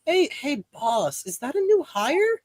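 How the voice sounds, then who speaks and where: A man voicing a nosy male office worker in a squeaky, excited voice. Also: measured pace, dry recording, heavily acted.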